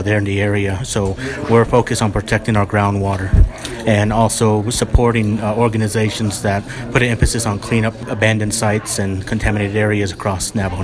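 A man activist speaking in an interview, even and deliberate with the odd filler. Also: on the low side. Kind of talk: interview statement. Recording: crowd audible behind.

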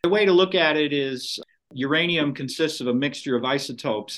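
A male scientist guest explains his technical findings step by step in a methodical way. His voice sits at an ordinary middle pitch. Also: a bit bright. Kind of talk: interview answers.

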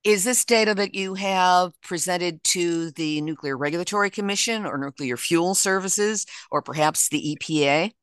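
A woman hosting an interview, asking measured, formal questions. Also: on the low side, smooth, no room sound. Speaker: interview host.

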